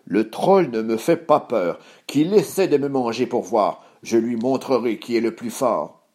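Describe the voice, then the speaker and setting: A man's voice: mid-range voice, animated, a little slow, a little mellow. A man voicing the big eldest billy goat, confident and boastful.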